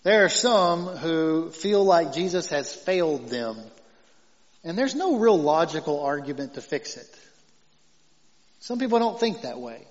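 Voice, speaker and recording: A male pastor preaching a conversational sermon, moving from emphatic points to soft, tender passages. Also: a little high, big pitch swings, a little slow. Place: church sanctuary. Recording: dull sound in a reverberant hall.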